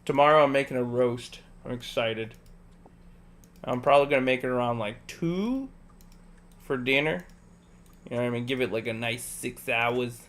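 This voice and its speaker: A man coaches a friend through a game on a casual livestream, patiently repeating step-by-step instructions and laughing and joking in between. His mid-range, fairly bright voice moves at a moderate pace, broken by long pauses.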